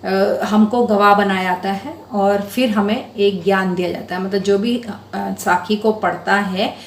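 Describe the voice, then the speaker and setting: A woman's voice: medium pitch, roomy sound, a little hiss or hum. A woman teacher patiently explaining a school Hindi lesson to children, step by step. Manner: addresses students affectionately as beta.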